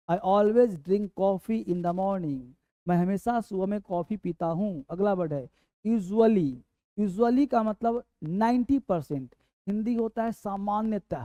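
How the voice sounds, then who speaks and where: In this spoken English lesson, the male teacher has a high voice with a dark tone and drills each word repeatedly, referring to his students as "beta." The recording is dry.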